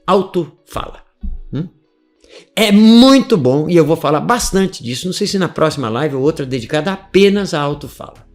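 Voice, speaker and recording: A man's voice: fairly high pitch, lively intonation, normal speed, faint music behind. A man from Brazil giving a live online English lesson, explaining emphatically, asking rhetorical questions and checking in with "né?" and "tá?". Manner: chuckles between points. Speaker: English teacher.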